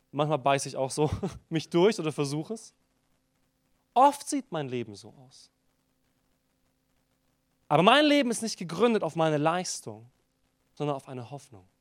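A man preaching a sermon in a somewhat high voice, speaking directly to his congregation. He climbs to loud, emphatic peaks, then lets his phrases sink to a hush. The sound is close and dry. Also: dry recording. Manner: swings between loud emphatic peaks and hushed phrase endings.

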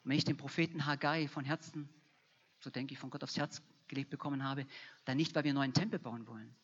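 A woman's voice: very deep voice, steady tone, fast, breathy edge. A woman preaching a sermon, emphatic and repetitive, building to fervent passages. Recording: dull lo-fi recording.

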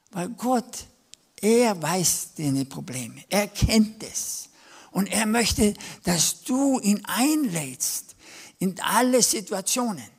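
A man's voice: high-pitched, a bit bright. A man preaching at a church service, telling everyday stories in a conversational way and acting out the voices of the people in them. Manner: storytelling, conversational, acts out quoted voices. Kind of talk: lively sermon with anecdotes.

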